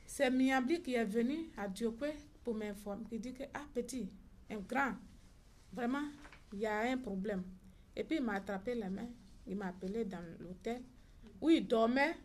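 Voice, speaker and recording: A middle-aged woman, giving a halting personal testimony as the victim's mother and retelling conversations word for word. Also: fairly high pitch, a little mellow, a little hiss or hum. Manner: halting retelling with reported dialogue.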